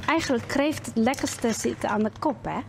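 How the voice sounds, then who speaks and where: A woman's voice: fairly high pitch, moderate pace, vocal fry, darkish tone, slight background noise. Chatty woman, cooking host. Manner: chatty, explains each step while cooking. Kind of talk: casual cooking demonstration.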